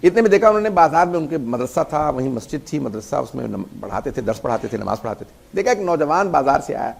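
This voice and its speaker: High, gravelly-voiced male preacher. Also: big pitch swings. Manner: storytelling with acted dialogue, rising to emphatic peaks. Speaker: Islamic preacher. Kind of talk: sermon storytelling.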